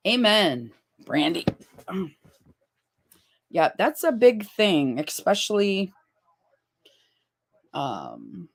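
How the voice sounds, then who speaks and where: A woman's voice: lowish voice, wildly swooping pitch, extremely slow, creaky, pauses often. A woman in her fifties hosting a casual livestream chat, reading viewers' comments aloud. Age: 50s. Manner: chatty, reads viewer comments aloud with laughs. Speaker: livestream host.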